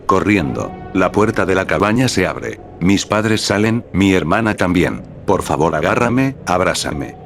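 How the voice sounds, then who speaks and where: A computer-generated male voice narrating a horror story in terse, clipped fragments with an even synthetic delivery. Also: low voice, gravelly. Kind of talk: text-to-speech horror story reading. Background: music.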